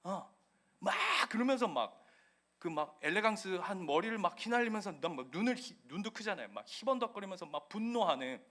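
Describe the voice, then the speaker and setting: A male pastor preaching a sermon in a church, animated and acting out scenes vividly. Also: high-pitched, brisk.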